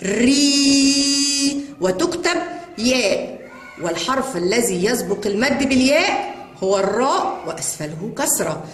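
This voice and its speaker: A woman teaching young children to read, spelling out words in long drawn-out sounds. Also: medium pitch, sing-song. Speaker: kindergarten Arabic teacher. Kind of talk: children's reading lesson. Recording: echoey room with long reverb and faint noise.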